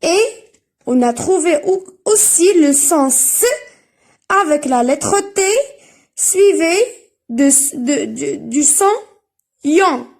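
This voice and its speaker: A woman with a high voice leads an early reading lesson. She talks very slowly and lingers on each syllable. Her enunciation is careful and deliberate, and she repeats each sound for young learners. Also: expressive, creaky, darkish tone. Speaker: teacher.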